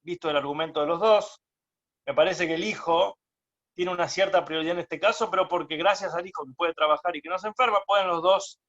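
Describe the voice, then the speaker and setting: A man voicing a wise, generous rabbi who gives a measured ruling. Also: sits high, a bit bright. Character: wise, generous old-time rabbi judging a dispute. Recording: dull lo-fi recording.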